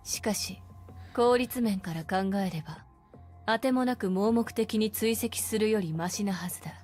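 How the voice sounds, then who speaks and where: An actress voicing a cool, measured strategist woman. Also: medium pitch, a little mellow, faint music behind, close to an everyday voice. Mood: calm. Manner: measured and matter-of-fact. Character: composed, cold adult female strategist.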